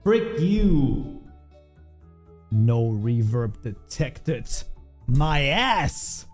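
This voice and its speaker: A man livestreaming, talking playfully and drawn-out through a heavy cave-like reverb effect on his mic. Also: medium pitch, big pitch swings, a little mellow, soft background music. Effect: heavy cave-like reverb added to the mic. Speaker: livestreamer coding a game mod. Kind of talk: casual livestream chat.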